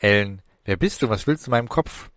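A male narrator voices a decent family man from a storybook, frightened and bewildered. His low voice stays close to the reader's own, recorded dry and near. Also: expressive, fast, fairly bright tone, no echo. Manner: bewildered, anxious questions.

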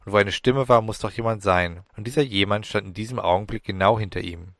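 Low-voiced man narrating an audiobook. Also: a bit bright, dry recording, studio quality. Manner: measured, dramatic reading. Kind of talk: scripted storybook narration.

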